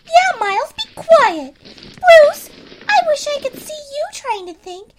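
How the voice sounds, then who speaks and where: A performer voicing an excitable, bossy, childish female sidekick in a comedy audio drama, squealing and demanding. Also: extremely high pitch, slow, very noisy, full character voice.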